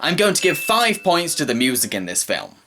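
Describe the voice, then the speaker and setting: A man reads a scripted film review in a bright, fairly high voice. His intonation is very lively, and faint music plays underneath. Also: fairly quick. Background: faint background music.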